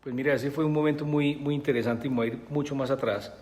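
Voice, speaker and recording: A man's voice: mid-range voice, fairly even intonation, fast, a little mellow, big-room sound, a little hiss or hum. A man telling a personal story in a rambling way, full of filler words, as an interview guest. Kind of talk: conversational storytelling.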